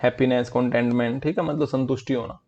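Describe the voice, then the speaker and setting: A man's voice: medium pitch, fairly even intonation, fast talker, a little mellow, dull audio. A man teaching an online vocabulary class for exam prep, in a chatty, friendly way that mixes Hindi and English.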